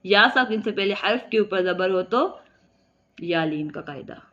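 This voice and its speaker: A woman teaching tajweed. She explains each rule step by step and recites words slowly and drawn out. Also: mid-range voice, animated, a bit bright, lo-fi sound. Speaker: Quran teacher. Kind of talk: tajweed lesson.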